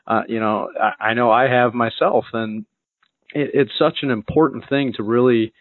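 A man's voice: mid-range voice, fairly even intonation, normal speed, no echo. Reflective male interview host on a phone-like line. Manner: reflective and affirming, with restarts. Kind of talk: conversational interview. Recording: dry, phone-like audio.

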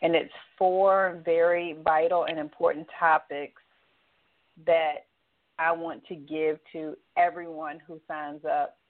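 Low-voiced woman coach on a phone line. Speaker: co-host and life coach. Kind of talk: call-in radio talk. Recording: tinny phone-line sound.

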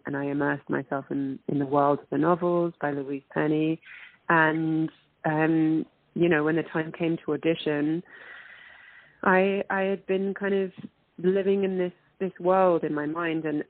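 A woman's voice: deep voice, dry recording. A woman, an actress guest talking earnestly and reflectively in an interview. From England. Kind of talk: interview over a call. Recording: tinny phone-like line.

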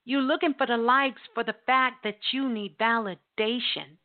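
A woman's voice: fairly high pitch, steady tone, moderate pace. A woman radio host delivering a blunt, emphatic talk monologue with casual swearing. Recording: tinny phone-line sound.

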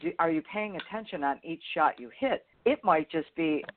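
A woman's voice: low-pitched, expressive, normal speed, slight background noise. A woman golf instructor co-hosting a show, talking frankly and bluntly in casual chat. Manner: frank, blunt teaching talk. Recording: tinny phone-like sound.

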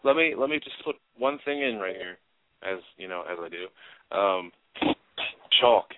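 A man's voice: deep voice, expressive, a little slow, no echo. A man hosting a casual advice chat, stressing key words by repeating them. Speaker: talk show host. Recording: narrow phone-like sound, dry.

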